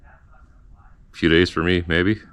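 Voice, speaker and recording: A man hosting a casual garage vlog, tired and losing his voice from a cough, talking slowly with halting restarts and fillers. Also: sits low, fairly even intonation, a bit bright, a little hiss or hum. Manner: slow, halting, trailing off with many fillers. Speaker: home mechanic and channel host. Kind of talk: casual workshop vlog narration. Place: home garage.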